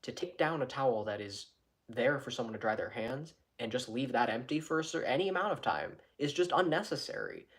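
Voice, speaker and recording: A man's voice: medium pitch, lively intonation, a little fast, fairly bright tone. A man talking to his channel from his own room in a loose, rambling vlog chat, often restarting and correcting himself. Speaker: YouTuber.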